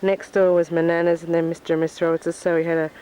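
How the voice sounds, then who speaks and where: Talking quickly in a fairly low, mellow voice with little pitch movement, an Australian woman narrates a casual walk around her family home and backyard. Her tone is chatty and reminiscing. The camcorder microphone gives poor audio with a little hiss or hum.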